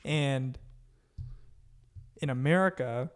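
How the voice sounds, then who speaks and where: A man co-hosting a podcast in casual chat, easygoing and quick to laugh. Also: mid-range voice. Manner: easygoing, chatty, laughs often. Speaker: podcast co-host.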